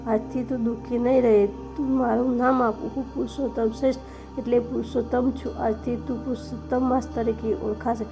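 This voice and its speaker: Benevolent male god, voiced by a woman, gentle, reassuring, gravelly tone. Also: on the high side, level tone, fairly quick, over music, natural voice, poor audio. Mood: comforting. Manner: gentle and comforting, read in narrator's own voice.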